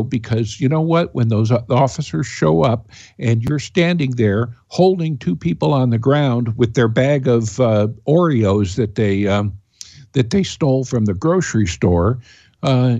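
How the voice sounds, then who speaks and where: A man's voice: mid-range voice, gravelly, mellow, breathy edge, dry recording, highs cut off. A man hosting a talk radio show, rambling opinions and chatting with callers, full of fillers and restarts. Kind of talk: talk radio commentary and call-in chat.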